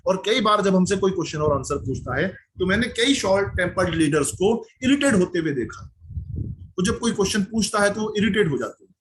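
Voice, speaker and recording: A man's voice: high voice, animated, fairly quick, noisy background. A man giving a sales training presentation, coaching listeners, mixing in English phrases and often checking in with "right?".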